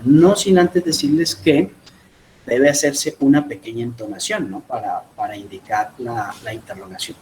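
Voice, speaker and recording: A man's voice: mid-range voice, a little mellow, slight background noise, poor audio. A man, explaining grammar patiently as a teacher in a remote class lesson and often checking in with his students. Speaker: English teacher.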